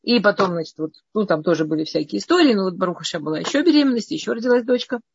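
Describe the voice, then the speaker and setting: A woman's voice: mid-range voice, lively intonation, racing, gravelly, breathy edge, dry recording, muffled recording. A middle-aged woman from Russia casually telling her life story in a meandering way, often restarting and stammering over words.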